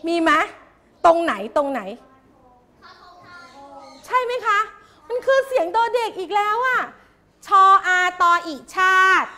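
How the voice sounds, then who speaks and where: A woman teaching a class of young pupils, coaxing answers out of them with quick, repeated questions. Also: very high voice, expressive, a bit bright. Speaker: primary school teacher.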